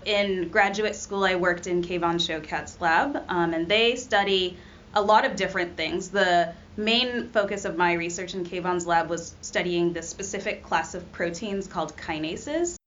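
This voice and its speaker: A young Rwandan woman working as a postdoc researcher describes her work in a conversational science interview, often saying um and uh. Her voice is on the low side and fairly bright, and she speaks unhurriedly. The audio is slightly dull with faint noise.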